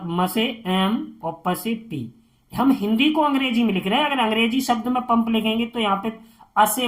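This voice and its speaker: A woman teaching a beginners' spelling lesson, sounding out words letter by letter. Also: fairly high pitch.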